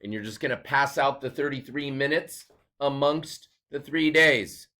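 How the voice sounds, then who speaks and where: A man's voice: medium pitch, unhurried, sharp tone. A male teacher giving a recorded math lesson, explaining step by step and asking and answering his own questions.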